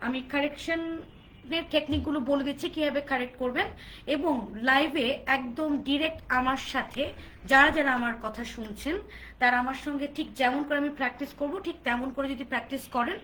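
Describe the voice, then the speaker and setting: A woman's voice: high voice, fast, sharp tone, slight background noise, rough recording. A woman trainer leading a live online pronunciation lesson, drilling English words aloud and repeating them for learners to copy. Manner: greets viewers by name during a live stream.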